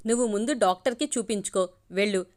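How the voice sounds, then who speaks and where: A woman voicing a kind, caring young male colleague in an audio story, speaking softly and reassuringly. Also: mid-range voice, quick pace, lightly acted. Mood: gentle. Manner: gentle, reassuring. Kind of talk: audiobook character reading.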